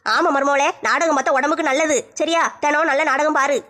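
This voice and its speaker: A woman's voice: high voice, fairly even intonation, fairly bright tone. A woman playing a blunt, bickering mother-in-law in a comic skit. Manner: rapid, blunt, scolding.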